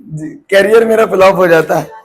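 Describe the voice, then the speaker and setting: Male physics teacher, high voice, teasing classroom banter. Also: normal speed. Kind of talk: joking classroom lecture.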